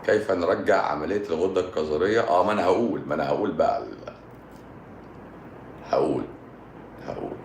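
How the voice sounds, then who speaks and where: A man's voice: deep voice, animated, a little fast, creaky, long pauses. A man with an Egyptian Arabic accent hosting a casual livestream, reading viewer comments, joking, chuckling and repeating his phrases. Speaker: live-stream host answering viewer comments. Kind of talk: casual live-stream chat. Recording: echoey room with background noise.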